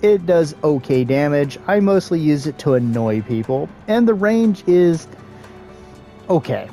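A man hosting his gaming channel, giving relaxed, casual gameplay commentary with joking asides and the odd filler pause. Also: on the high side, soft background music.

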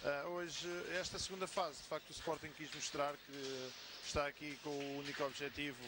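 Halting Portuguese male analyst in a noisy hall. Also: a little high, level tone. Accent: European Portuguese. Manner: halting, repeats words while thinking. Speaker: co-commentator and analyst. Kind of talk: live sports analysis. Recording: clear sports hall noise behind. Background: sports hall ambience, bouncing ball.

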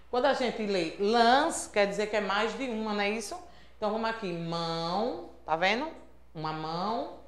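This primary school teacher from Brazil speaks Portuguese with a Sergipe accent, her medium-pitched voice a little bright. Teaching young children remotely from an echoey room, she is patient and sing-song, regularly checking understanding with "certo?".

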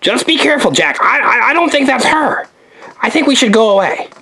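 A woman's voice: sits high, lively intonation, brisk, crowd noise. A woman voicing a timid, fussy male snowman toy who stammers nervously in a toy play video. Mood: worried.

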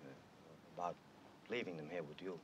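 A man's voice: sits low, lightly acted. An actor playing a hesitant worried father. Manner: hesitant, halting. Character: uneasy worried father of visiting kids. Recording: 1970s film soundtrack with noise.

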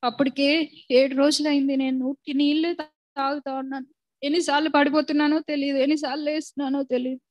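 A middle-aged woman speaks an earnest, tearful church testimony. Her voice sits high and fairly level. She is recorded close and dry, with no room around her. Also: level tone, brisk, darkish tone, dry recording. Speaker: widow giving a church testimony. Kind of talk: emotional spoken testimony.

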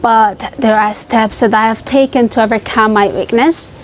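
Speaking at a normal speed with fairly even intonation, a woman in her twenties presents herself for a video CV in a careful, rehearsed, listing style. Her voice is a little high and carries an Indonesian accent, as she's a native speaker, and a little hiss or hum is audible on the lapel mic recording made in an open-air wooden pavilion. She is a student seeking a job.

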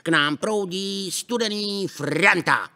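A man voicing an excitable, muddled little puppet boy on a children's TV show, self-important and childlike. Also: high-pitched, heavily acted.

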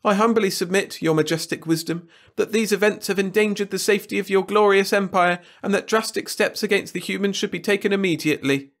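Male narrator doing a high, whiny, groveling alien war lord, loud and strained. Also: brisk, few pauses. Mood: pleading. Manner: whining, pleading.

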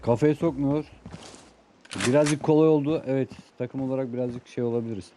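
Excited young man over game gunfire. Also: mid-range voice, a little fast, heavy background noise. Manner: excited, urging and bossing teammates. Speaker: gaming YouTuber. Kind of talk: live game commentary with teammates.

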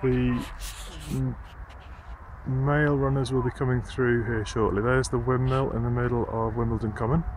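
A man's voice: medium pitch, little pitch movement, moderate pace, noisy background. A man chatting to camera as he waits for runners at a cross-country race. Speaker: spectator filming a race. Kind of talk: casual outdoor commentary. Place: outdoors on an open common.

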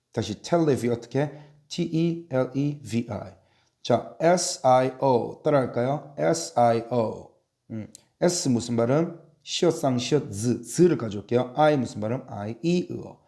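A man's voice: mid-range voice, dark tone. A man teaching English spelling in a classroom drill, spelling out letters one by one and asking and answering his own questions.

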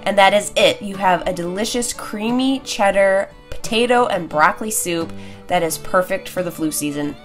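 A woman's voice: mid-range voice, normal speed. Stuffed-up young woman with a honking nasal voice. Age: young adult. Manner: chatty, playful. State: stuffed nose and sore throat. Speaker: cooking video host. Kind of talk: casual recipe tutorial. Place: home kitchen, indoors. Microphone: lapel mic. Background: music.

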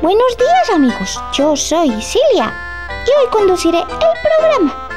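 A woman's voice: extremely high pitch, huge pitch swings, unhurried, loud music behind the voice, heavily acted. A woman voicing a sweet but easily indignant female puppet presenter, coy and theatrical. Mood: chirpy, skeptical. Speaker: guest presenter. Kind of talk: puppet show dialogue.

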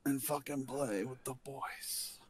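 A man joining friends in an online game over a headset, relaxed and reassuring and swearing casually. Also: mid-range voice, slow pace, a loud crowd. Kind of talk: casual gaming chat with friends.

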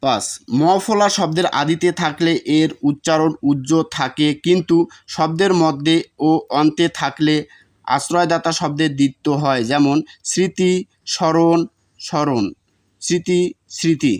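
Man reading exam notes, slightly high voice. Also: normal speed. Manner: reads lists of examples, repeating words to model pronunciation. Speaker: teacher.

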